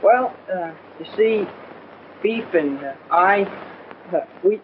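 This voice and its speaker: A man's voice: high voice, lively intonation, slow, a little hiss or hum. A young man playing a shy, earnest, stumbling lad in an old film. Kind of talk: old film drama acting. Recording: phone-like old film soundtrack with music.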